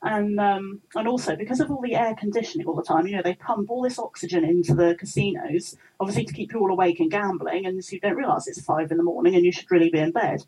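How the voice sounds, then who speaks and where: A young English woman chatting as an interview guest, talkative and quick to laugh, acting out little quoted voices as she tells stories. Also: medium pitch, mellow, a little hiss or hum, rough recording. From England. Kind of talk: casual interview chat.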